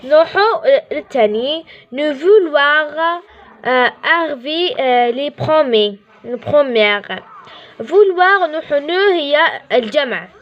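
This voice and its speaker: Woman with an Algerian accent, high pitch, casual teacher who apologizes and self-corrects, dull lo-fi recording. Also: expressive, measured pace. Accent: Algerian Arabic. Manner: apologizes often, repeats and corrects herself. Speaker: French teacher. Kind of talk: casual classroom lesson.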